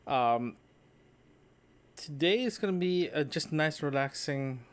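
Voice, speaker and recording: A solo podcast host and vlogger chats casually in an audio diary, meandering as he goes and often checking in with a tag question. His voice is on the high side with lively intonation, and he speaks slowly.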